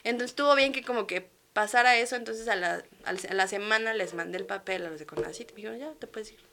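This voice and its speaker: A woman in her thirties with a Mexican accent, a guest telling stories in a relaxed, chatty way with frequent laughs. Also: medium pitch, fast talker, creaky, a little hiss or hum. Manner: lively, chatty storytelling with frequent laughs and fillers. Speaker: guest architect. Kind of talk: casual interview chat.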